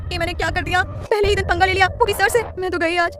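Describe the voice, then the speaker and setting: A woman's voice: very high-pitched, lively intonation, quick pace, fairly bright tone, a little hiss or hum, voice pushed up. A woman voicing a hot-headed young woman college student who talks brashly and dramatically, with slang. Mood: flustered.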